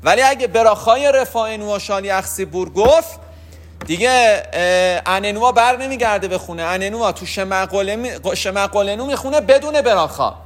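High-voiced man teaching prayer rules. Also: expressive. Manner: explanatory, asks and answers his own questions, frequent hesitations. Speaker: religious teacher. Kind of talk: spoken lesson on prayer rules.

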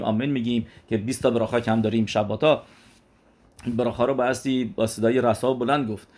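A man's voice: medium pitch, darkish tone. Man teaching a religious lesson. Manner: asks questions and answers them himself; weaves Hebrew religious terms into his speech.

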